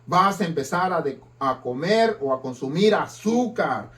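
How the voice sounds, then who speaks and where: High-voiced preacher, slow sermon. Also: male voice, lively intonation. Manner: emphatic preaching with dramatic swings in loudness. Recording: distant mic.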